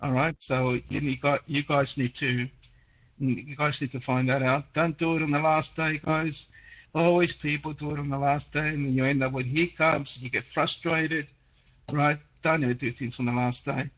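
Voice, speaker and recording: A man's voice: a little high, little pitch movement, moderate pace, a bit bright, lo-fi sound. A man in his sixties from Chile, who says he is nearly deaf, hosting a casual call-in chat and answering questions in a rambling way, with many fillers and repeated words. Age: 60s. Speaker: host answering listener questions.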